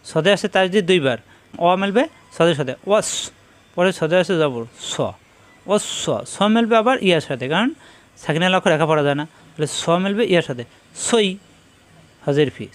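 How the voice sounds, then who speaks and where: High, smooth-voiced man teaching recitation. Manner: slow, patient, repeats each syllable. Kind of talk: spelling out Arabic letter by letter.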